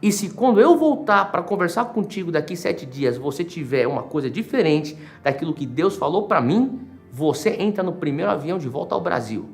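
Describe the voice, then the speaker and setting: A man's voice: on the high side, big pitch swings, a little fast, vocal fry, soft background music. A man doing a blunt, stern pastor. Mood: firm. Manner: blunt, probing questions. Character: stern blunt male pastor mentor, testing.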